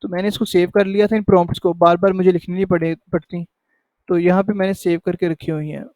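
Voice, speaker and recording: Male tutor, high and mellow, dry close sound, chatty walkthrough. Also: little pitch movement, quick pace, no room sound. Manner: conversational, repeats "ठीक है" to check in. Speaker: tutorial host. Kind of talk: casual screen-recorded tutorial.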